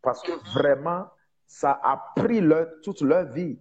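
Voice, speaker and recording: Man, preacher, foreign accent in non-native French, husky soft-edged voice, halting, emphatic, lo-fi sound. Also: on the high side. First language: not French, speaks it as a second language. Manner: emphatic repetition, halting word searches. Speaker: preacher, prophet. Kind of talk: informal evangelistic teaching.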